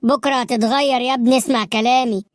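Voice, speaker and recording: A woman's voice: on the high side, steady tone, quick pace, natural voice. A woman voicing a stern middle-aged father in a cartoon, scolding with an Egyptian Arabic accent. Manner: scolding, lecturing.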